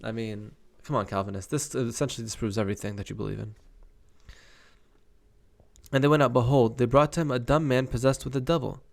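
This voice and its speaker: A man's voice: medium pitch, steady tone, a little fast, vocal fry, pauses often. A young man reading Bible verses aloud and breaking off to comment casually on them. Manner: reads scripture aloud, stops to comment casually.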